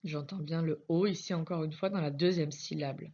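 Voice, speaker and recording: This teacher's voice is low and dark, moving at a moderate pace. She's a primary school teacher giving young children a recorded reading lesson, spelling letters carefully one by one, captured on a dull, lo-fi recording.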